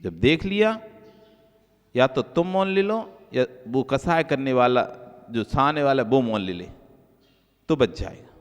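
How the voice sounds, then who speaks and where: A male Jain monk giving a sermon, repeating key phrases and moving between soft low asides and raised, emphatic lines. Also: lively intonation, unhurried, long pauses, clear, resonant tone. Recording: long hall reverb.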